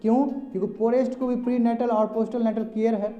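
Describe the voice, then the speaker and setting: A man lectures a class in a chatty way, calling on students directly and mixing in English terms. His voice is very high and dark in tone, his delivery flat and fast, with faint music behind him. The echoey classroom recording sounds slightly dull.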